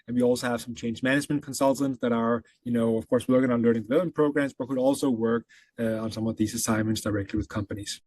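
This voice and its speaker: Danish-accented male guest, thoughtful and unhurried, close mic with no room sound. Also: medium pitch, fairly even intonation, darkish tone, no echo. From Denmark. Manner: thoughtful, with frequent fillers and restarts. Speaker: guest, consultant. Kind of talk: casual interview.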